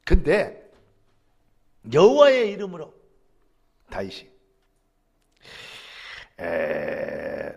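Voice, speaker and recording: A man pastor preaches with great animation. His voice sits high and swoops widely, acting out quoted lines and rising to shouts. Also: very animated, brisk. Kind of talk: sermon. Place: church sanctuary.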